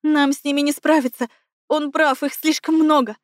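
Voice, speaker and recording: Woman reading as sarcastic young mage girl, breathless, higher pitched. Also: fairly even intonation, a little fast, a little mellow, no room sound, studio quality, natural voice.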